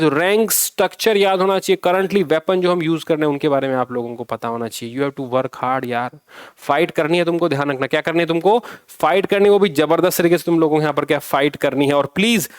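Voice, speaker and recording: A man's voice: a little high, clear, resonant tone, no room sound, clean studio sound. A man teaching an exam review lesson, scolding and pushing his students, mixing English phrases into his talk.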